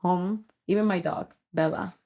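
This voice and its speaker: A middle-aged woman with a noticeably low-pitched voice shares her thoughts on a podcast. She speaks earnestly and reflectively, pausing and restarting as she gathers her words. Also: steady tone, dark tone. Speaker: podcast co-host and youth ministry leader. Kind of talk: casual podcast chat.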